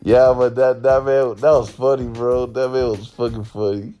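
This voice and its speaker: A young man, hosting a solo podcast at a mid pitch. He tells a funny college story in a loose, slangy ramble, restarting his sentences and repeating words. Faint music plays underneath. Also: level tone, normal speed, warm tone. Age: young adult. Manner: rambling, repeats himself, slangy, bursts of laughter. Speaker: podcast host. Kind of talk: casual storytelling monologue.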